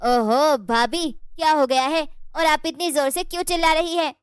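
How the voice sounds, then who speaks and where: A woman voicing a calm, sly young sister-in-law in a cartoon story, speaking slowly and teasingly. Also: high voice, noisy background, close to an everyday voice.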